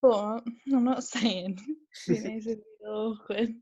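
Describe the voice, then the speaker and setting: A woman's voice: fairly high pitch, steady tone, slow, mellow, no room sound. A woman co-hosting a podcast in casual chat, blunt and giggly. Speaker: podcast co-host. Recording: dull lo-fi mic.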